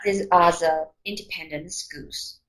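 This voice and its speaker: A woman from China leading the affirmative team in a student debate, speaking formally and deliberately. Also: lowish voice, a bit bright, rough recording. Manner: careful and deliberate, formal addresses.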